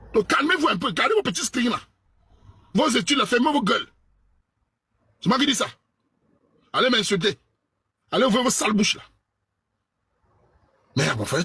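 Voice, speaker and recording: A man's voice: very high voice, sharp tone, breathy edge, no echo. A man with a Cameroonian French accent scolding in a ranting monologue, repeating himself and tagging phrases with "hein".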